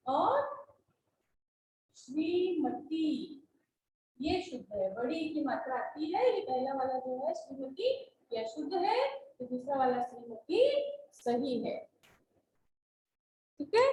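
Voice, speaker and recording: Lively-voiced woman teaching a class. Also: high voice, roomy sound, a little hiss or hum, poor audio. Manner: patient, repeats words and asks checking questions. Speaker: school Hindi teacher. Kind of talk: classroom lesson explaining spelling.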